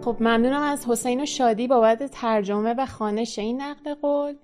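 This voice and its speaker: A woman hosting a podcast, thanking the readers and moving on in a brisk, conversational way. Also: on the high side, fairly even intonation, darkish tone, faint music behind. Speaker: podcast host. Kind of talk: podcast segment talk.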